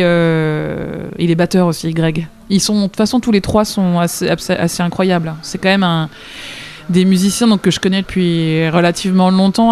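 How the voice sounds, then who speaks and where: Woman musician chatting on a radio show, all excited, keeps restarting her sentences. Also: mid-range voice, a little hiss or hum. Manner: chatty, enthusiastic, laughs easily, restarts often. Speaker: musician guest. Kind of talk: radio interview.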